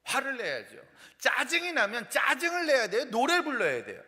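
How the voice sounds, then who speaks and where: A man preaching a humorous revival sermon as a pastor, playful and animated, acting out the complaints of the people he talks about. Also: very high voice, normal speed. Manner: playful, animated, acts out quoted complaints and sings snippets. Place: church sanctuary. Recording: long hall reverb.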